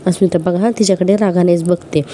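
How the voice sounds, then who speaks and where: A woman's voice: fairly low pitch, steady tone, fast talker, warm tone, slight background noise. A woman casually recapping a TV serial episode in a chatty running commentary.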